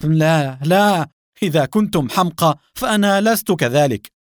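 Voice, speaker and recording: A man's voice: fairly low pitch, a little fast, slightly rough, dry recording, studio quality. A man voicing a gloating, treacherous male enemy agent who laughs devilishly and taunts with sarcasm. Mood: panicked.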